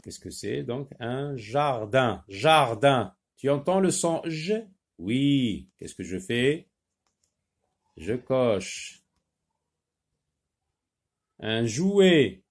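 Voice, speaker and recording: A man teaching a reading lesson to young children, slowly modelling sounds and repeating words. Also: mid-range voice, lively intonation, breathy edge.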